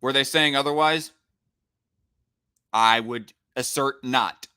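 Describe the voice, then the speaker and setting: A man giving off-the-cuff reaction commentary in a blunt, argumentative way, often halting to search for words. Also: mid-range voice, sharp tone, clear, resonant tone. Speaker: commentator responding to a played discussion.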